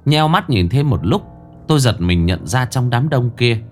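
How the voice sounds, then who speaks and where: A man's voice: medium pitch, lively intonation, normal speed, darkish tone, faint music behind. A man narrating a first-person horror story in a dramatic, wry manner.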